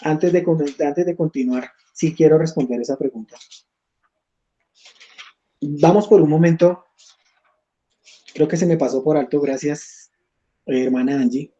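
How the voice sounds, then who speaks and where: Bible teacher, man, mellow tone, lo-fi stream sound, reads passages and checks in often. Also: on the high side, measured pace, long pauses. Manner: reads scripture aloud, checks in with "¿listo?". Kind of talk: online Bible study class.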